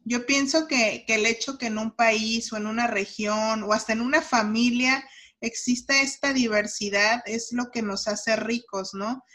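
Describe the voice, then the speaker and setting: A woman's voice: on the high side, fairly even intonation, measured pace, fairly bright tone. A woman from Mexico with a Mexican accent, interviewing a guest and musing aloud with many tag questions. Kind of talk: casual interview.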